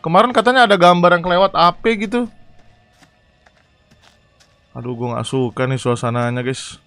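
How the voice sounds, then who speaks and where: A young man casually commentating a horror game live, chatty and excitable, reading chat and yelling at scares. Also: a little high, moderate pace, smooth, dry recording, faint music behind. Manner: excitable, chatty, reacts loudly to scares and reads chat aloud. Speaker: gaming streamer.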